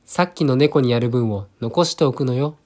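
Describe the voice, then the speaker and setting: A man's voice: normal speed, darkish tone, natural voice. A man voicing a fussy mother bird who scolds her chick firmly. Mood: gentle. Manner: firm scolding, raised pitch.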